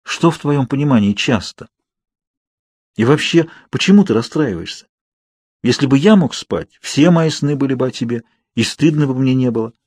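A man voicing a calm, mysterious young man in an audiobook, speaking quietly and gently teasing. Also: medium pitch, normal speed, slightly rough, no room sound, lightly acted. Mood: hushed.

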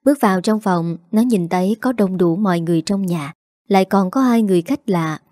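A woman narrating an audio story in an even, measured way. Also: mid-range voice, no room sound, studio quality.

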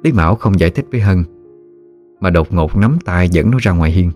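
A man narrating a story in a calm, measured storytelling voice. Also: low-pitched, faint music behind.

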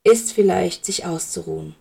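An old wizard headmaster, calm and unmoved, as a woman reads him aloud. He speaks softly and evenly, with a slight gravel in the voice. It sounds like a fan fiction audiobook. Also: fairly low pitch, normal speed, heavily acted. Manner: calm and soft-spoken.

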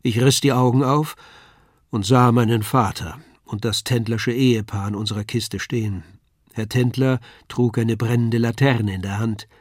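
An older man reading a classic novella aloud in a measured, even storytelling manner. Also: mid-range voice, no room sound, clean studio sound. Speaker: audiobook narrator. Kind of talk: scripted literary reading.

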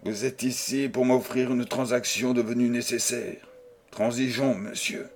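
A man's voice: mid-range voice, fairly even intonation, unhurried, a little hiss or hum, close to an everyday voice. A man reading an audiobook voices a proud old baron who scolds a young man with stiff, formal indignation. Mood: cold, formal. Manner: indignant, stiff and formal, then coldly businesslike. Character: stern proud old male baron, outraged.

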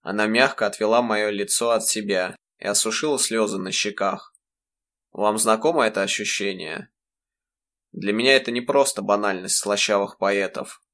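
A man narrating a first-person audiobook in a measured, reflective way. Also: fairly low pitch, fairly bright tone.

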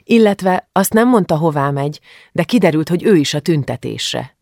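A man voicing a timid, soft-spoken teenage girl in a storybook reading. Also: a little high, expressive, gravelly, dry recording, studio quality, voice pushed up.

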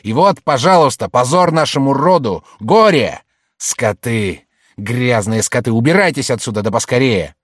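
A man's voice: medium pitch, animated, moderate pace, no echo, studio quality, pitched above the performer's own voice, natural voice. A man reading aloud and voicing a dying older man who furiously scolds his sister, in an audiobook. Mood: furious scolding.

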